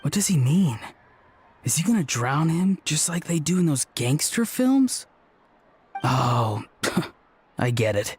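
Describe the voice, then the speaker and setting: A man's voice: medium pitch, sing-song, extremely slow, pauses often, husky, exaggerated voice. An actor playing a chatty, playful young male companion in a game, full of joking asides. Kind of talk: game voice acting.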